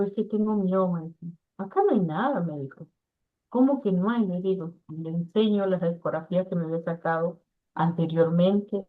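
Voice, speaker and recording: A woman giving an earnest personal testimony in an interview, acting out what others said to her. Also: on the low side. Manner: earnest, quotes others in lively voices. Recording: tinny phone-like audio.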